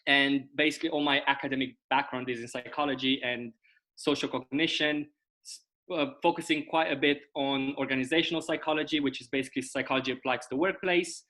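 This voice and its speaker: Over a casual video-call interview, a young guest from Romania explains at length and keeps checking in with "right?" and "okay?". He sounds pushed and bright at a medium pitch, with fairly even intonation and a slightly fast pace, on a rough recording.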